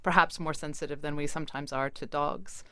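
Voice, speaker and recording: Woman guest commenting on research, smooth clear voice, dry sound, talks fluently. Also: low voice, steady tone, a little fast, pushed and bright, no room sound. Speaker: expert guest. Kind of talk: interview commentary.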